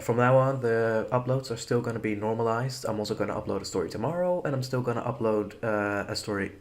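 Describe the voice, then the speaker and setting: A young man with a fairly low voice reads horror stories aloud. Between stories he talks to his listeners in a relaxed, rambling manner, with a few fillers and restarts. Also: creaky. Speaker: horror story narrator. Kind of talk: horror story reading and casual sign-off.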